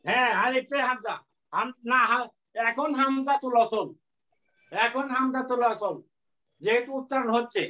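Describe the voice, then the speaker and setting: A man teaching an Arabic lesson, explaining slowly and repetitively with many fillers and English terms mixed in. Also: extremely high pitch, sharp tone. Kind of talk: classroom lecture. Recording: dull lo-fi sound.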